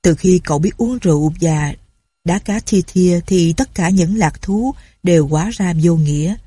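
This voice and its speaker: A woman narrates a story in a calm, even reading style. Her voice is low, mellow and husky. The recording is close and dry with no room sound. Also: moderate pace, no echo.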